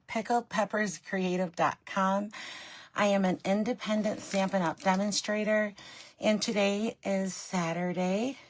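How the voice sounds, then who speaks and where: This middle-aged woman's voice is medium in pitch, a bit raspy and scratchy. She's the host and demonstrator of a live craft tutorial in her home craft room, talking casually and calling out viewers by name.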